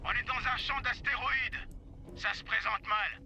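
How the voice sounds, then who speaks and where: A man's voice: extremely high pitch, normal speed, roomy sound, background noise. A man playing a foul-mouthed, urgent spaceship crew ally in a video game.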